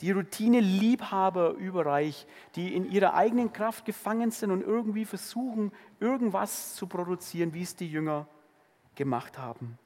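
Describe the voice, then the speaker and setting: Male preacher, high voice, earnest sermon delivery, shifts from emphatic to hushed, long church-hall reverb. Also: normal speed.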